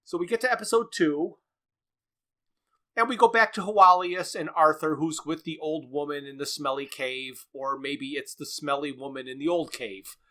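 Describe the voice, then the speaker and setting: A man speaks at normal speed in a slightly high, bright, forceful voice with a steady tone. He co-hosts a laid-back podcast, dissecting a radio series through lengthy plot recaps punctuated by chuckles.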